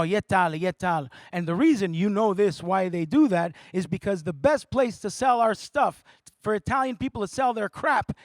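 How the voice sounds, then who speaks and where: Stand-up, 40s, high, lively, gravelly edge. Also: male voice, no echo, studio quality. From Montreal, Canada. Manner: animated, jumps between voices and languages. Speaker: stand-up comedian. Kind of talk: stand-up comedy. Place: theatre studio.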